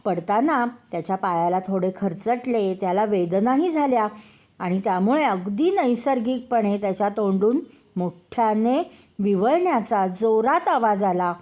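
An older woman, a storyteller grandmother, telling a children's story in a slow, gentle way and speaking straight to the kids. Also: medium pitch, expressive.

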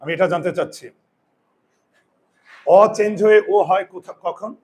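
A man's voice: high voice, moderate pace, darkish tone. A man teaching pronunciation, explaining step by step and often asking his students questions. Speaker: Bengali grammar teacher. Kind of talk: whiteboard pronunciation lesson.

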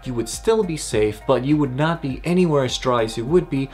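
A man's voice: medium pitch, animated, a little fast, darkish tone, soft background music. Young man explaining kayak gear. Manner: friendly, explanatory, gestures while talking. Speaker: kayaking channel host. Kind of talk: instructional vlog talk. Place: small indoor gear room with shelves.

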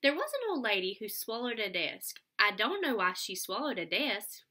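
Here a young adult woman's slightly high voice swings widely in pitch, bright and forceful, at a normal speed. She's reading a picture book aloud for kids, offering simple explanations and asking them questions. A computer webcam about arm's length away captures her indoors in a small furnished home room.

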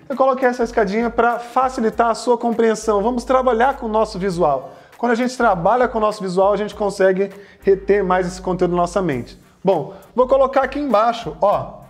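A male Portuguese teacher with a Brazilian accent giving a playful online grammar lesson, acting out student questions and talking straight to viewers. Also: sits high.

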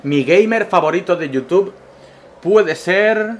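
This gaming YouTuber from Castellón, Spain, speaks slowly in a high, animated voice with a Spanish accent. Fielding viewer questions in a laid-back vlog, he jokes absurdly, alternating between loud outbursts and mumbled asides.

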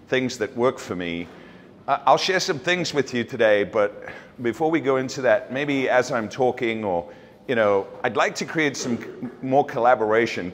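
This middle-aged South African man has a lowish voice with a slight hiss or hum on the recording. He gives a casual keynote in a large open office event space, sounding certain and blunt, with many fillers and restarts, while long reverb fills the open room.

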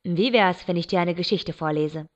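Woman reader playing a gentle young man, lowered voice, soothing, muffled sound. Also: normal speed, lightly acted. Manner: soft, soothing. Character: gentle young man, calm caring boyfriend. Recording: dull lo-fi recording.

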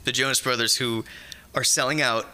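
A man's voice: mid-range voice, fairly quick, slight background noise. A young man, a band member, chatting casually as a podcast guest in a studio. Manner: animated storyteller, hums riffs. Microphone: studio mic with headphones.

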